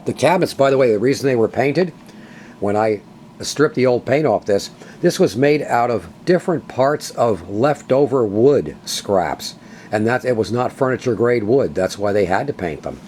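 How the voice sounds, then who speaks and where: At home, an older man who has long collected radios shows off an antique set in a relaxed, folksy show-and-tell, his talk full of uhs and hesitations. His medium-pitched voice moves at a moderate pace over a little hiss or hum.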